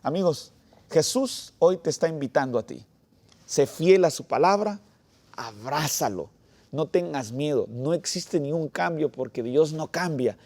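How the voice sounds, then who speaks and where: A male pastor giving an earnest sermon testimony, pausing and restarting, his phrases trailing off softly. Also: on the high side, animated. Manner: earnest, with halting restarts and soft trailing endings.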